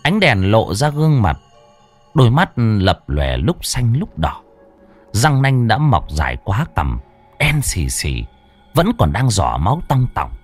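A man narrates a scripted ghost story with a dramatic, swooping delivery. His low voice is sing-song and unhurried, and faint music plays in the background.

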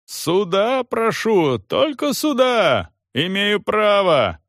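A man voicing a ragged, bloodied man who hoarsely pleads for a fair trial. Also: huge pitch swings, slow, no echo, clean studio sound, full character voice. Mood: desperate shouting. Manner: shrill desperate pleading.

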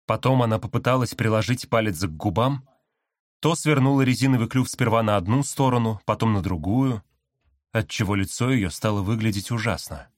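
A man narrating an audiobook in an expressive, animated reading style. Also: on the low side, fairly quick, no room sound, studio quality. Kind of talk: scripted narration.

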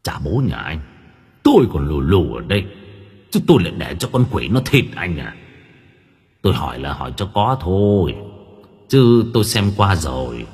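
A man's voice: sits low, big pitch swings, moderate pace, pauses often, a little mellow, long reverb tail, voice pushed down. A man voicing the irritable ghost of an old grandfather who grumbles and curses. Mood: scolding. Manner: grumbling, cursing, scolding. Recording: faint background music.

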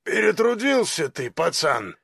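Typhon, gruff hulking giant, voiced by a man. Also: fairly high pitch, sing-song, unhurried, a bit bright, no room sound, clean studio sound, exaggerated voice. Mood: jovial. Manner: gruff, blunt, hurrying. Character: huge bearded giant servant, gruff and jovial. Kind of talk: audiobook reading.

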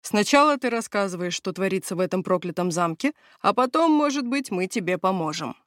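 A woman's voice: mid-range voice, expressive, brisk, dry recording, studio quality, close to an everyday voice. A woman reading the part of a stubborn young man who makes demands in an audiobook.

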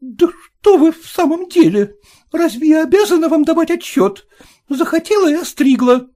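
A prim, indignant young widow snaps back in a high, sharply rising voice, as a male reader acts her out. She protests with offended force. Her pitch leaps and swoops with every retort. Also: expressive, measured pace, a little mellow.

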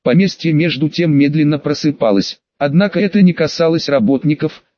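Calm male audiobook narrator. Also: fairly high pitch, brisk, no room sound, lo-fi sound. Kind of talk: scripted first-person narration.

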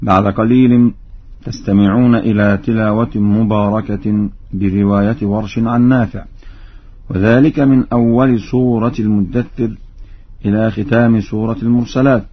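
A man's voice: on the low side, husky. Man teaching Quran readings on old radio. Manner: measured, slows into chanted recitation for each example. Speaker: Quran reciter explaining reading variants. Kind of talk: formal radio lesson with recited examples. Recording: dull old radio broadcast recording.

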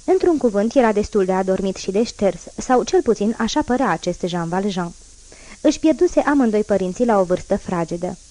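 A woman's voice: medium pitch, animated, dark tone. Woman reading a classic novel aloud. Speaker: audiobook narrator. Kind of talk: literary audiobook reading.

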